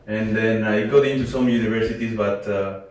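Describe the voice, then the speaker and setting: A young man from Ecuador talks in a relaxed, halting way, padding his answers with "like" and "uh". His voice sits a bit low. He sounds set back from the mic in a very echoey room. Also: distant mic. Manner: relaxed, hesitant, many fillers and "like". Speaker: guest, international student. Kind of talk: casual interview answers.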